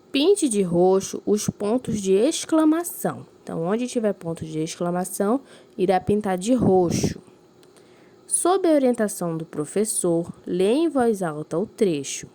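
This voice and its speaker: A woman teacher with a medium-pitched, darkish voice gives a recorded lesson to young pupils. She explains patiently, checks in with them often, and reads the examples slowly with clear emphasis.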